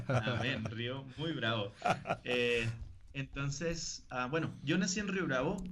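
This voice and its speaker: A man's voice: mid-range voice, expressive, slow, a bit bright, slight background noise. A man with a northern Mexican accent, a preacher talking casually as an interview guest and laughing often.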